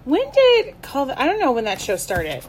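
A woman's voice: high-pitched, huge pitch swings, moderate pace, a little hiss or hum. A woman co-hosting a podcast, bubbly and talkative, laughing and trailing off mid-thought. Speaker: podcast co-host. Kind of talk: casual chat.

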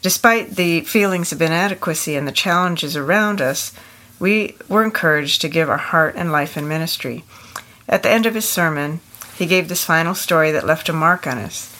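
Low-voiced older woman, steady podcast co-host. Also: normal speed.

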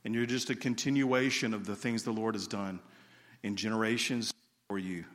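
A man's voice: on the low side, steady tone, normal speed, a bit bright. A man giving an earnest sermon, stretching out key words for emphasis. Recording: church hall with long reverb.

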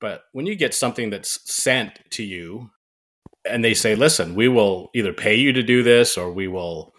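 Guy guesting on a podcast, bright forceful voice, wry and casual. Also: on the low side, animated, moderate pace. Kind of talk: casual chat. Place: barn.

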